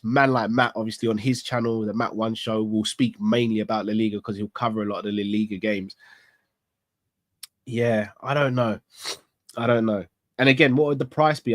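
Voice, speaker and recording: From a small studio set full of club decor, a cold-congested football fan channel host keeps his live stream casual and candid, pondering out loud with rhetorical questions. His voice sits in the mid-range, and the recording is dry and clean, studio quality.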